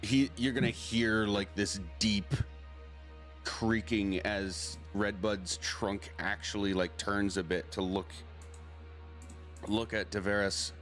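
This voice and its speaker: A man narrating a tabletop game as its game master, with a lowish voice and an unhurried, halting delivery full of fillers. Faint music plays behind him. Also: fairly even intonation, fairly bright tone.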